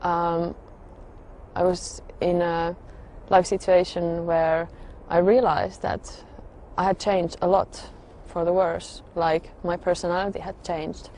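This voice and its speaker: Woman telling her story, low-ish flat voice, lots of ums and pauses, reflective. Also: a little hiss or hum. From Finland. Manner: hesitant, halting, with frequent pauses and fillers. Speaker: religious convert sharing her story. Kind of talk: personal testimony.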